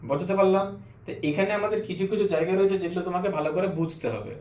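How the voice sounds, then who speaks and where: Man, grammar teacher, high pitch, roomy echo, slow repeated spelling of words, questions to the class. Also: a little mellow, slight background noise. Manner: asks the class questions and answers them himself.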